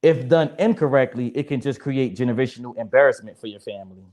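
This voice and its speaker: A man's voice: medium pitch, quick pace, a little mellow. A young man moderating a casual panel chat in a joking, blunt and profane way. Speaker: moderator of a discussion show.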